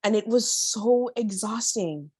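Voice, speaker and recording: A Kenyan woman guesting on a podcast, a body-confidence influencer, chats casually about personal matters in an emphatic, slangy, motivational way. Her voice sits on the high side, expressive and slow, with a darkish, husky tone. The recording is studio quality with no room sound.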